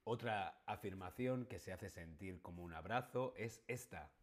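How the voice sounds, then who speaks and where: A man, teaching a live online language lesson and slowly repeating phrases for learners. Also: low voice. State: sore throat, coughing.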